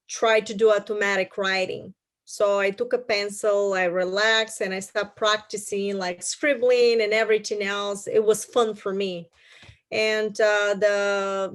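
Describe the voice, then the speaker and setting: A middle-aged woman with a Bulgarian accent speaks as an interview guest in a flat, level tone that barely rises or falls. She tells her story haltingly, with many fillers and restarts. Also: medium pitch.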